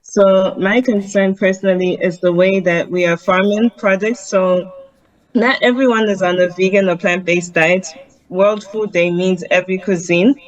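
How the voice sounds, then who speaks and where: With a medium-pitched, steady voice at a moderate pace, a vegan chef from Zimbabwe answers questions over a video call from her Harare home. The sound is lo-fi with no room sound, and she explains earnestly, step by step, with many ums.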